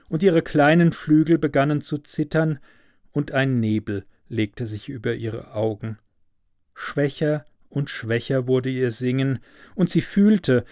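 A man reading a fairy tale aloud with slow, measured, expressive narration. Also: mid-range voice, dry recording, studio quality. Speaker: storyteller. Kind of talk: storybook reading.

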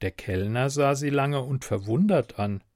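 Slow, expressive male storyteller. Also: medium pitch, dry recording, clean studio sound. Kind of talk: story read aloud.

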